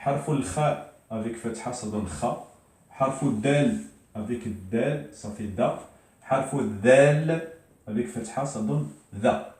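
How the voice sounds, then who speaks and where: A man gives a slow, patient lesson at a board and repeats each syllable with frequent hesitations. His voice is mellow and unhurried. It echoes heavily around the room and is picked up from some distance away. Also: medium pitch. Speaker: Arabic teacher.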